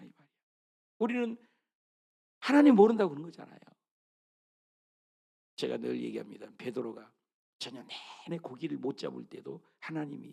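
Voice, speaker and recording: A middle-aged man preaching a sermon in a high voice with a gravelly edge. His pitch leaps and dips constantly as he moves between loud calls and soft, hushed asides. He keeps asking his listeners questions as he goes. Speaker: pastor.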